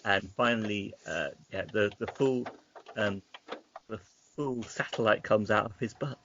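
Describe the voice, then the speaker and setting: A man co-hosting a casual podcast, recapping at length with restarts and often trailing off quietly. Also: on the low side, a little slow. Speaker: podcast co-host. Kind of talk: casual chat. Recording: dull lo-fi with faint noise.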